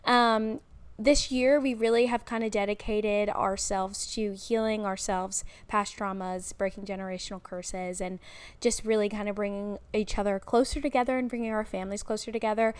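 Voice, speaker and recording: A woman's voice: medium pitch, steady tone, moderate pace, clear, resonant tone. A woman in her mid-twenties co-hosting a podcast, chatting casually and laughing often. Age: 20s. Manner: giggly, chatty, searches for words. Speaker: podcast co-host. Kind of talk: casual chat.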